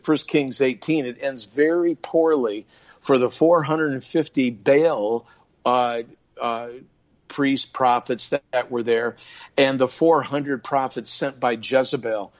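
Over dull, lo-fi audio, an older guest minister speaks slowly in a medium-pitched voice during a relaxed podcast conversation. His tone is earnest and preacherly, and he frequently starts his sentences over.

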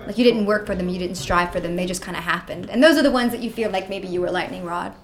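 A young woman in her twenties chats easily in a backstage interview. She's upbeat and talkative, tossing off quick asides as she goes. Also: medium pitch, slight background noise. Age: 20s. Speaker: musician guest. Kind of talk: casual interview chat. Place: backstage at a theater.

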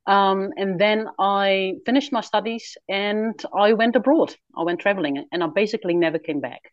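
A woman's voice: mid-range voice, moderate pace, no room sound, dull audio. A Dutch woman in her forties with a Dutch accent, a guest speaking candidly in an interview and laughing easily. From Netherlands. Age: 40s. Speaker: guest, author and traveler. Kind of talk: conversational interview.

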